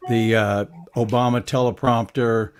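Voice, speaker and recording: A man's voice: medium pitch, level tone, measured pace, soft background music. Chuckling man showing his cartoons. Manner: laughs often, reads captions aloud. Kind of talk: casual chat.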